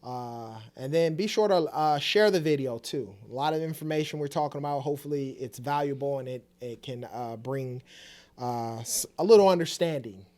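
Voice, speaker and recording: A man in his late thirties co-hosts a couple's family vlog, talking in a casual, conversational way. His voice is medium in pitch, a little mellow, and moves at normal speed.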